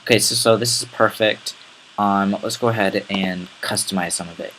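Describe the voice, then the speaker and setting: A man with a raspy voice giving a casual, rambling step-by-step software tutorial. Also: fairly low pitch, fairly even intonation, moderate pace, a little hiss or hum, poor audio. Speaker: tutorial host. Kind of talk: screen-recorded software tutorial.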